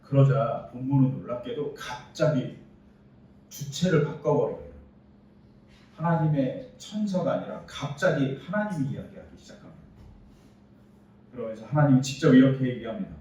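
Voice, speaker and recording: Male pastor preaching, mid-pitched and mellow, picked up from far off in an echoey sanctuary. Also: lively intonation, normal speed, long pauses, slight background noise. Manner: explaining scripture with quoted dialogue, rising emphasis. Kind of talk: sermon. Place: church sanctuary. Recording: distant roomy church recording, dull sound.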